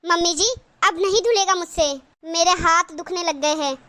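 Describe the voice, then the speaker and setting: A woman's voice: very high voice, moderate pace, sharp tone, pitched below the performer's own voice. A woman voicing an overworked young daughter-in-law in a cartoon who argues back and refuses chores. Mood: defiant. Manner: argumentative, complaining back.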